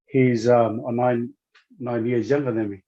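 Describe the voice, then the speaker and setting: A man's voice: medium pitch, fairly even intonation, measured pace, mellow. Hesitant man, muffled lo-fi sound. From Samoa. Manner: hesitant, many fillers and restarts. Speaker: guest, former rugby player. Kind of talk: casual interview.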